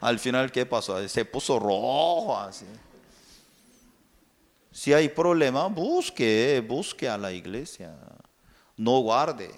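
A man preaching a sermon as pastor, telling stories and acting out voices in an animated way. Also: mid-range voice, slow, pauses often. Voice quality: animated storytelling, acts out voices. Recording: long reverb in a hall.

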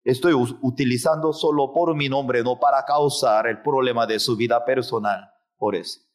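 A man's voice: mid-range voice, moderate pace. A man preaching a sermon with drama, acting out the voices he quotes.

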